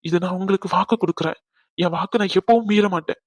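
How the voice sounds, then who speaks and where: A remorseful young cartoon groom, voiced by a man, earnest and gentle, who pleads and apologizes with halting restarts. His voice sits high for a man. The recording is dry and close. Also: no echo. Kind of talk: cartoon drama dubbing.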